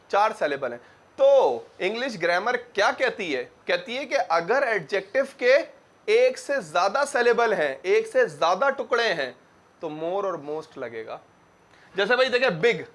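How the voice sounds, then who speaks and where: A high-pitched young man teaches grammar in front of a class. He asks a question, answers it himself, and says key words slowly and more than once so students can follow. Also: fairly bright tone. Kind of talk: classroom lecture.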